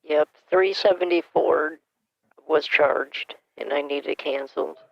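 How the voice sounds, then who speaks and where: Man doing a confused, hard-of-hearing granny; gravelly and halting, over a dull, muffled line. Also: on the high side, steady tone, dry recording. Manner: hesitant, stammering, keeps asking to repeat. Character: frail elderly woman, hard of hearing, confused. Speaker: caller posing as a victim. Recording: muffled phone call.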